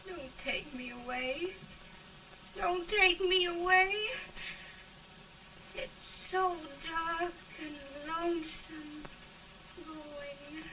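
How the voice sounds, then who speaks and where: An actress playing a gentle, frightened dying young woman in early talkie melodrama style, with halting, plaintive delivery. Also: high-pitched, far from the mic. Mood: pleading. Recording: noisy, hissy 1930 film soundtrack.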